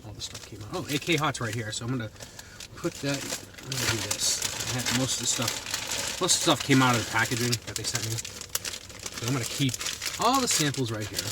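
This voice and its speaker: With a Boston accent, a New England man reviews food in loose, rambling chat to the camera, musing aloud as he taste-tests. He speaks fairly quickly at a medium pitch with lively intonation, and background noise is noticeable.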